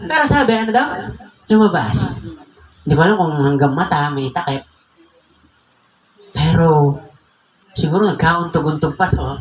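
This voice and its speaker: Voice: mid-range voice, expressive, a little hiss or hum. A preacher from the Philippines delivering an emphatic sermon in a church, drawing out the words when reading scripture aloud. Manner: emphatic, slows down to read scripture verses aloud. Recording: echoey church room.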